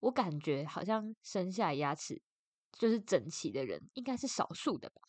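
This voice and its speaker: A young adult woman with a Taiwanese accent hosts a casual solo chat, expressive and self-deprecating, her articulation slightly slurred from wearing braces. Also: lowish voice, moderate pace, husky, no echo. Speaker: podcast host.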